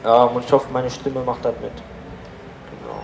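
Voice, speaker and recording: A man's voice: mid-range voice, big pitch swings, normal speed, gravelly, roomy sound, over loud music, poor audio. Earnest man giving casual faith testimony. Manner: informal, earnest, many fillers.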